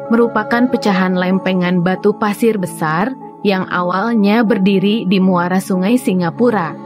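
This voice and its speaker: A woman reads a scripted educational narration in a formal, deliberate manner, enunciating each word carefully. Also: medium pitch. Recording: prominent background music. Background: music.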